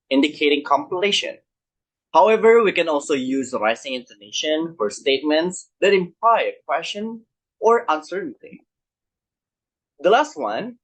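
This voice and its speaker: A young man presenting a scripted English lesson, explaining points clearly and speaking directly to his viewers. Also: on the high side, poor audio. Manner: lively, instructive, addresses viewers directly. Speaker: student presenter teaching English.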